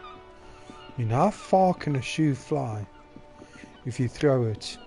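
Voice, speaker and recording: A man's voice: mid-range voice, lively intonation, slow, vocal fry, dark tone, faint music behind. A man streaming a video game, chatting casually and thinking aloud with self-mocking remarks.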